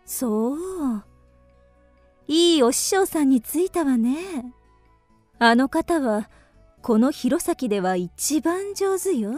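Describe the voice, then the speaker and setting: In a radio drama, a young geisha teases in a forward, coy, probing way, using old-fashioned feminine phrasing. Her high voice is unhurried, animated, and a little mellow, recorded dry with no room sound and faint music behind.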